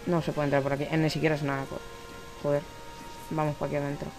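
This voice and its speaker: A man's voice: a little high, flat delivery, fast talker, faint music behind, low-quality recording. A man with a Spanish accent from Spain giving casual gameplay commentary, rambling, talking to himself and swearing now and then. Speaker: let's play gamer.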